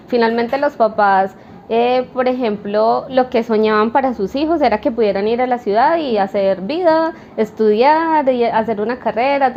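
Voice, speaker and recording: A woman's voice: a little high, darkish tone. A woman, a coffee roaster answering interview questions in an explanatory way, with fillers and tag questions. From Colombia. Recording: dull lo-fi with light noise.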